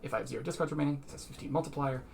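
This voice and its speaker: A man's voice: fairly high pitch, fairly even intonation, racing, creaky, a little mellow. A man streaming a card game at a charity marathon, chatty and laughing often as he explains each mechanic step by step. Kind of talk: casual explaining while playing.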